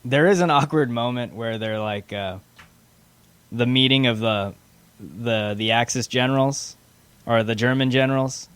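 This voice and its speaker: A man's voice: medium pitch, unhurried, fairly bright tone, clean tone. A man co-hosting a movie podcast in casual chat, agreeable and laughing mid-sentence. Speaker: podcast co-host. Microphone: studio microphone.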